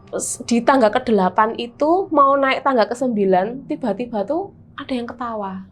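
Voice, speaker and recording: A woman with a Javanese accent, a guest telling her own horror experience in casual chat, animated and vivid with lots of fillers. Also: fairly high pitch, moderate pace, soft background music. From Semarang, Central Java, Indonesia.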